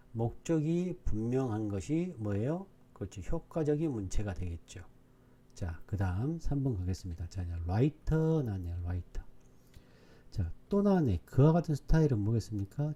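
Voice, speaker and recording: A male teacher gives an online exam-prep English lecture, repeatedly drilling his students with questions and answering them himself. His voice is mid-range and warm.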